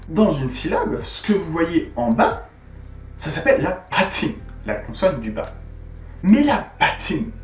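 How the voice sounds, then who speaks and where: A man teaching a language to camera in a casual, animated way, his pitch swinging up and down. He sits back from the mic in a roomy space, with soft music under his voice. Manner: chatty, animated, talks straight to viewers. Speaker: YouTuber teaching Korean. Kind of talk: casual video lesson. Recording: roomy sound from a distant mic.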